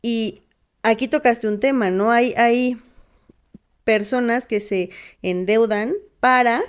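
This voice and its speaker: Female podcast co-host, upbeat and laughing, a touch high. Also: slow, clean tone. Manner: upbeat, laughs often between phrases. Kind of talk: casual podcast chat.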